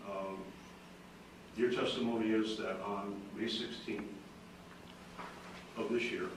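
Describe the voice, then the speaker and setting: A man questioning a witness as a prosecutor in court, pressing her and repeating her answers back, with "uh" pauses between questions. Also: fairly low pitch, steady tone. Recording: echoey courtroom audio from far off, noisy.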